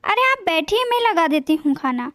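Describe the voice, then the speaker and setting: A woman's voice: very high voice, sing-song, normal speed, fairly bright tone, dry recording, studio quality, full character voice. A woman doing a sly scheming mother. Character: bossy scheming middle-aged mother of the bride.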